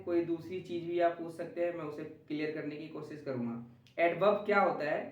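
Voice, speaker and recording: A man's voice: high-pitched, distant mic. A man tutoring English grammar in Hindi, patiently repeating examples and talking straight to his students. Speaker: home tutor. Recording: roomy echo, away from the mic.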